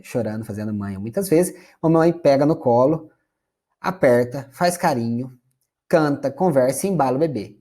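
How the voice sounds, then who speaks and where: A man's voice: medium pitch, mellow, breathy edge. A Brazilian man giving a conversational classroom lecture, often turning to his audience. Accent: Brazilian Portuguese. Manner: conversational, addresses audience as "gente".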